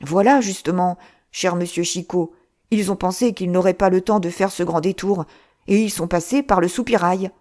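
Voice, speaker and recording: A woman reading an audiobook, voicing a fat, cowardly male monk who wails and pleads loudly. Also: fairly low pitch, close to an everyday voice. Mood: pleading. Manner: lamenting, pleading, drawn-out wails.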